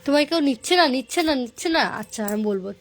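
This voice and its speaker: High-voiced woman coaxing an angry dog. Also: animated, racing, soft background music. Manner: soothing and pleading with repeated words. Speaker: pet owner filming her dog. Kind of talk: coaxing talk to a pet.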